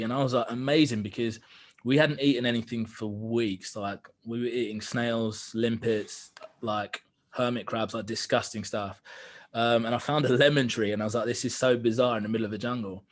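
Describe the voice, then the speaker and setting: A man's voice: mid-range voice, moderate pace. A young man telling a personal story as a podcast guest, candid and earnest, with frequent fillers. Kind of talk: reflective storytelling in conversation.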